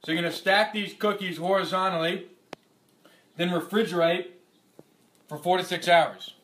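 A man's voice: sits high, fairly even intonation, normal speed, fairly bright tone. A young man playing a brash, profane party-boy football star who hosts a spoof cooking show, filmed on a phone in an apartment kitchen. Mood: casual. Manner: cocky, loose and profane. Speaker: comedy cooking host. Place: apartment kitchen and living room. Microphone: phone camera held close.

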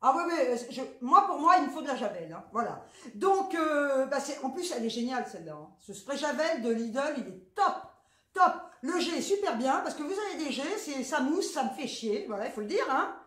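A woman's voice: sits high, big pitch swings, fairly quick, a bit bright. A woman with a southern French accent, chatting frankly and cheekily through a grocery haul, swearing freely. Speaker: vlogger showing a grocery haul. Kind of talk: casual haul chat. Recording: echoey room.

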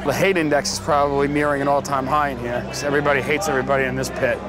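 A man's voice: medium pitch, flat delivery, rapid-fire, a loud crowd. A man, an options trader, talking bluntly and cynically in a candid interview. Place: busy trading floor. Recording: noisy trading floor, music behind.

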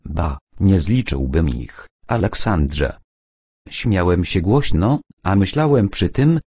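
A man narrating an audiobook in the first person, calm and measured with a wry edge. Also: low-pitched, slightly rough, no echo, clean studio sound.

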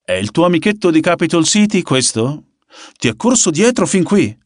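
A man's voice: a little high, very animated, normal speed, dry recording, studio quality, voice pushed up. A man voicing a sneering, hot-tempered young man in an audiobook, mocking and taunting.

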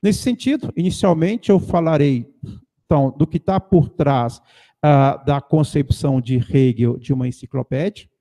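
A middle-aged man giving an academic lecture from a panel table into a table mic, measured and pausing to think. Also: on the high side, mellow. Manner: measured, thinking aloud with pauses and fillers. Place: conference hall, seated at a panel table. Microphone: table mic on a stand.

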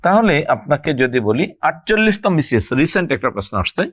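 A man teaching an exam-prep grammar lesson, explaining step by step, addressing students directly and repeating key terms slowly. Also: fairly high pitch, big pitch swings, a bit bright, dry recording, clean studio sound.

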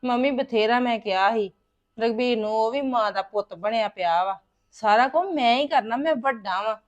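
A woman's voice: fairly high pitch, dull audio, close to an everyday voice. An actress playing a married daughter venting to her mother about her in-laws in a domestic drama. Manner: aggrieved, rapid complaining. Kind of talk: domestic web drama acting.

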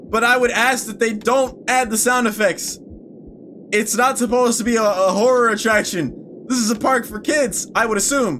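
A man's voice: sits high, a bit bright, slight background noise. A young man giving playful horror game commentary as a scared streamer, nervous and mock-cheerful with exaggerated reactions. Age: young adult. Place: small indoor streaming room.

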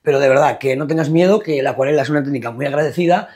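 A man's voice: a little high, very fast, a little mellow. A man with a Peninsular Spanish accent, narrating a painting tutorial as a voice-over in a patient, reassuring way. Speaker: watercolor painting teacher.

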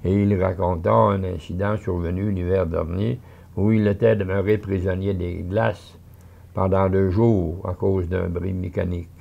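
A man's voice: deep voice, fairly even intonation, normal speed, vocal fry, mellow, dull audio. An older man with a Québécois accent reading a story aloud, with folksy chatty asides. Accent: Québécois French.

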